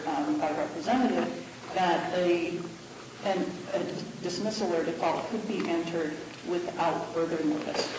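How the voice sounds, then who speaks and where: A woman with an American accent making a formal legal argument as a lawyer, with halting, hesitant phrasing. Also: on the low side. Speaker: lawyer arguing an appeal. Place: reverberant courtroom. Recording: very echoey room, distant mic, noisy.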